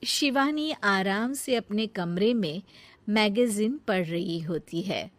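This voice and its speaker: Slow, measured woman narrating a story. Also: medium pitch, animated, no room sound. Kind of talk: scripted cartoon moral story narration.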